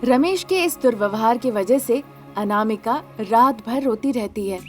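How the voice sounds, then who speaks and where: A woman narrating a cartoon story in a steady, matter-of-fact way. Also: a little high, a little slow, soft background music.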